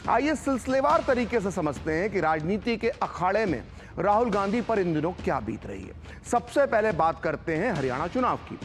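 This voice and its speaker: Emphatic high-voiced male news anchor. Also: slight background noise. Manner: rhetorical questions, emphatic delivery. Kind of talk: scripted news narration.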